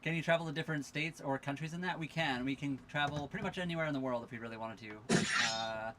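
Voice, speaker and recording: Speaking fast in a voice on the high side, a tired young man hosts a livestream amid very noisy sound. He sits in his sailboat cabin at a marina dock, chatting casually, reading viewer questions out loud and thanking followers.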